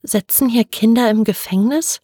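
A woman's voice: on the high side, moderate pace, mellow, breathy edge, no echo, studio quality, voice pushed up. A woman voicing a wary, stubborn nine-year-old girl in an audiobook. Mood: guarded.

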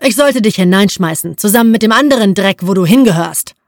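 A woman's voice: medium pitch, lively intonation, a little fast, dry recording, clean studio sound, lightly acted. A woman voicing a sneering sadistic overseer. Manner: sneering and threatening. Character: brutal sadistic male overseer, mocking.

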